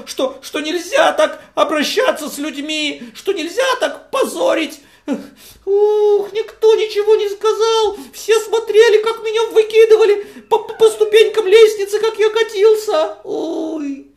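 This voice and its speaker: Storyteller voicing a frantic pleading man, stammering, high and rushed, echoey room. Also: natural voice. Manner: stammering, begging, voice rising higher. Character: pleading, humiliated man thrown from a feast.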